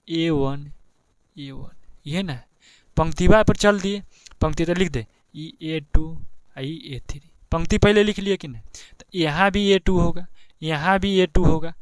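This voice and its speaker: A man's voice: a little high, clear, resonant tone, no room sound. A young male maths teacher with a Bihari Hindi accent explains a board exam lesson, talking in a chatty way, repeating each step and often checking "ठीक है ना". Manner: chatty, repeats steps, keeps asking "ठीक है ना". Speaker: math teacher.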